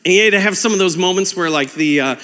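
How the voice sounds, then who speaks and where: A man in his thirties preaching a sermon, impassioned and animated, mixing humorous stories with urgent exhortation. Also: sits high, quick pace. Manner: impassioned, building to fervent exhortation. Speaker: pastor. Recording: long reverb with faint music.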